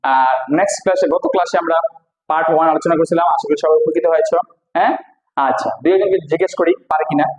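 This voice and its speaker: A man's voice: fairly high pitch, quick pace, darkish tone, muffled recording. Man teaching in an echoey room. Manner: repeats each word many times, asks and answers his own questions. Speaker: English teacher. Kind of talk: classroom pronunciation lesson.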